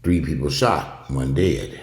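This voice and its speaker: A man's voice: rumbling low, expressive, takes it slowly, echoey room. A man giving casual, opinionated video commentary at home, talking in a blunt, profane, rambling way. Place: indoors at home.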